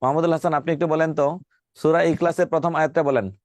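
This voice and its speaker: A man teaching a classroom lecture, emphatic and repeating key points, spelling words out slowly. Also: on the high side, fairly even intonation, no echo. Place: classroom with students.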